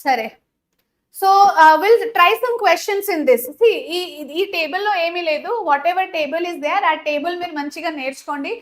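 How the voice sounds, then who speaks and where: A woman's voice: very high-pitched, measured pace. A woman with a Telugu accent teaching a live online biology class, mixing English with Telugu and often saying "okay" and "uh". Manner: mixes English and Telugu, repeats 'okay', frequent 'uh' fillers.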